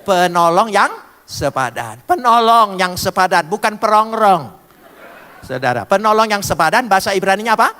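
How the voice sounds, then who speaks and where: A male pastor preaching a sermon in a playful, lively way, with wordplay and questions thrown to the congregation. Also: high-pitched, a little fast, in a large hall.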